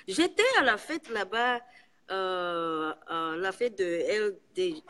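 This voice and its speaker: A woman's voice: mid-range voice, expressive, slow, fairly bright tone. A woman from Burundi on a video call from her workplace, giggling and stumbling over words. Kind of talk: casual video call chat. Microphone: phone on a video call.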